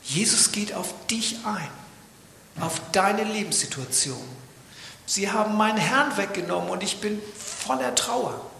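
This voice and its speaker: A man's voice: high voice, unhurried, gravelly, pushed and bright, a little hiss or hum. A man preaching a sermon in a church, dramatic, sometimes dropping to a whisper for emphasis. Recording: echoey church hall with long reverb.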